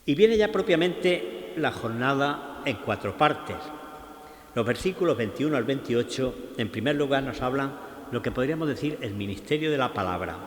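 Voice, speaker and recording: Andalusian priest preaching in an echoey church. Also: male voice, mid-range voice, animated. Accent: Spanish from Andalusia. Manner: slow, reflective, with rhetorical questions. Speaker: priest giving a Lenten lecture. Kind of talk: sermon. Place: large church. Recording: echoey church with long reverb.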